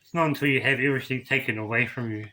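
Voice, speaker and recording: A middle-aged man telling his own story to camera, emotional and tearful, halting and repeating words as he goes. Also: medium pitch, fairly even intonation, pushed and bright. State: crying. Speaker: vlogger.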